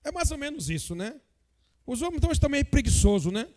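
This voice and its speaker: High-voiced man teaching a Bible lesson. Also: sing-song, quick pace, mellow, long reverb tail. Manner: joking asides, frequent tag questions; addresses the congregation directly. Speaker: Sunday school teacher.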